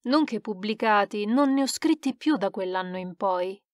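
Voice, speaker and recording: A woman's voice: medium pitch, expressive, normal speed, no room sound, clean studio sound, natural voice. A woman reading the part of a rueful, lovesick male poet who recounts his past in an earnest, emphatic way. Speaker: audiobook reader. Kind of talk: expressive literary reading.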